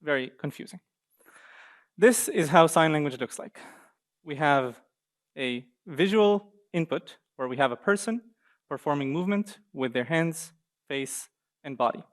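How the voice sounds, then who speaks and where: A man's voice: fairly high pitch, unhurried, pauses often. Upbeat man giving a seminar talk. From Israel. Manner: lively, joking aside to the audience. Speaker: guest speaker. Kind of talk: conference talk with slides. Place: university seminar room.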